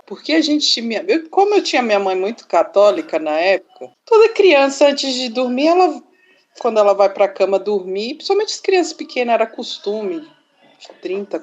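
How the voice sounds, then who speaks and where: A woman in her forties, a podcast guest, telling a childhood story in casual chat with animated, dramatic flair. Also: medium pitch, highs cut off.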